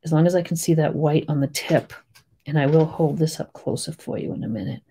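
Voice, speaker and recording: Boston lady walking you through a painting, soft warm voice, kinda lowish, chatty little asides. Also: a little fast, husky. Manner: chatty and rambling, full of gentle little asides. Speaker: painting teacher. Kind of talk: casual step-by-step painting tutorial.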